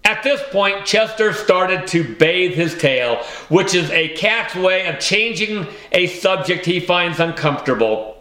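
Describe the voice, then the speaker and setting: A man reads a children's audiobook in the first person, taking his time. His voice is fairly high and bright, and his manner is wry. The recording has a roomy echo around it. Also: lively intonation, unhurried. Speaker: audiobook narrator.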